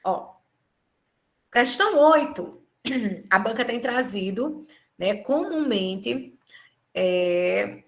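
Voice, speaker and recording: A woman's voice: mid-range voice, very slow, creaky. A woman with a Brazilian Portuguese accent teaching a live online exam-prep class, explaining step by step and checking in with tag questions, on a computer microphone. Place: home or office, live video conference. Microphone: computer microphone on video call.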